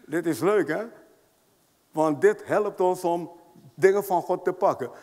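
A man with a high voice preaches a sermon in a church hall, and a long reverb trails after his words. He presses each point home, repeats key phrases and keeps asking his listeners whether they follow. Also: unhurried, a little mellow. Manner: emphatic, repeats points with rhetorical questions. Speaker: apostle preaching.

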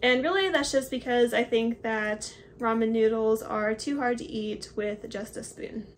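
A little hiss or hum sits under the fairly high voice of a hiking vlogger in her twenties. At a measured pace, she casually presents her hiking gear to the camera in a small home office, holding up and explaining each piece in a chatty way.

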